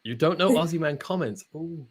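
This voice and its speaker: A man's voice: fairly high pitch, animated, a little fast, slightly rough. A man from England in a casual chat, talking with many restarts and frequent laughs. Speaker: podcast host. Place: at home in China.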